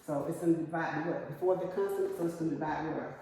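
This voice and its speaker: A woman's voice: sits low, fairly even intonation, fast talker, mellow, a little hiss or hum. Patient woman teaching in an echoey room. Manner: patient, asks questions and repeats the student's answers. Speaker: reading teacher. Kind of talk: one-on-one phonics lesson. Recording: echoey room, long reverb.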